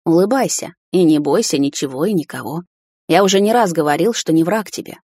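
A woman voicing a gentle, devoted male hunter husband who speaks softly and coaxingly in an audiobook. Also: lowish voice, animated, brisk, husky, no echo, studio quality. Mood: tender, hushed. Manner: soft, hushed and coaxing.

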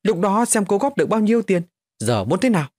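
A man voicing grieving village daughters in a storybook narration, his voice pushed high and shrill. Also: big pitch swings, a little fast, darkish tone, dry recording. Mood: quarrelsome. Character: daughters of the dead, bickering then wailing women.

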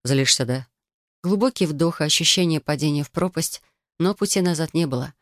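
A woman narrating a romance novel in the first person, in a steady and reflective way. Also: low-pitched, a little fast, dry recording, studio quality. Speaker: audiobook narrator.

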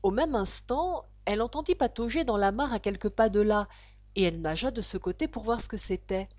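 A woman narrating a storybook aloud with expressive, storytelling delivery. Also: mid-range voice, a little fast, dry recording. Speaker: reader. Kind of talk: audiobook narration.

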